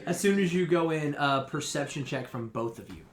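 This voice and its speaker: A man running a tabletop game as dungeon master, his voice set a little high. He narrates in a roomy, echoey space with faint noise behind him. Now and then he pitches up into lively character voices. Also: fairly quick.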